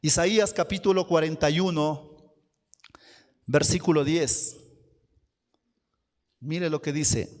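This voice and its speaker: A man preaching a sermon as pastor, slow and emphatic, asking the congregation questions. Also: fairly high pitch, darkish tone, long reverb tail. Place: church hall.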